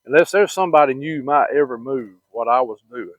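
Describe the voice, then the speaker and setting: A man with a Southern US accent vlogs personal stories in a casual, folksy, rambling, plain-spoken style. His medium-pitched voice moves fairly quickly. There's no room sound, but the audio is muffled and narrow-band, like a phone.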